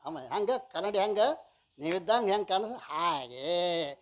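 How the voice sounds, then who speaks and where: A man giving a storytelling religious discourse as a swami, swinging between soft asides and loud emphatic lines. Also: sits high, animated, a little slow. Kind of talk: storytelling sermon.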